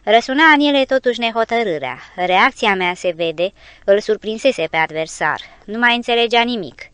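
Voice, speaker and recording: A woman narrating an audiobook adventure tale in measured, expressive storytelling. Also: mid-range voice, smooth, no room sound.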